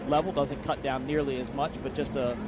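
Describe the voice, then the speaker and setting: An American man commentates live on a boat race outdoors, explaining the action in a mid-range voice with a steady tone and a slightly fast pace. Engine and vehicle sounds are clearly heard around him.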